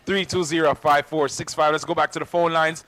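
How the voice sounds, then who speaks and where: A man's voice: fairly high pitch, brisk, dry recording. Easygoing male radio host. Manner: relaxed, easygoing, repeats numbers. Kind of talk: radio talk show hosting. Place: radio studio.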